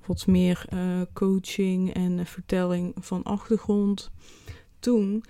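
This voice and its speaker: A woman casually recounting a personal experience in a vlog, often pausing mid-sentence to search for words. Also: on the low side, little pitch movement, mellow, clean tone, no echo, studio quality. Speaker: vlogger.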